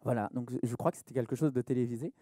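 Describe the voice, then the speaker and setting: A man in a singing duo, chatting casually in quick bursts as he introduces songs at a live show in a library café. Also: medium pitch, dark tone, no echo, clean studio sound. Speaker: singer in a duo. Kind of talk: live stage introductions and chanson duet singing.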